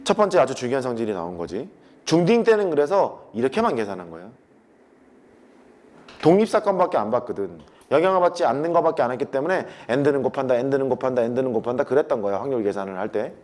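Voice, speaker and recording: Lively male math teacher lecturing. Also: mid-range voice, fast talker. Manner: casual banmal to students, emphatic repetition.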